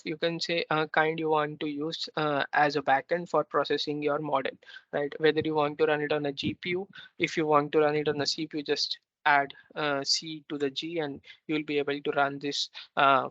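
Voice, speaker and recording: A man's voice: a little high, sharp tone, no room sound. A man teaching a technical workshop on a video call, explaining step by step and often checking in with a questioning "right?". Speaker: workshop instructor. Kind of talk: technical tutorial walkthrough. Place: remote meeting. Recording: slightly muffled, dry video call audio.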